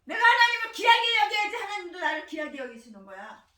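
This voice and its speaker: A woman pastor preaching a sermon, stressing her points by repeating words and phrases and breaking into harsh shouted tirades. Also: very high-pitched, sing-song, fast talker, roomy sound. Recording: voice distant from the mic.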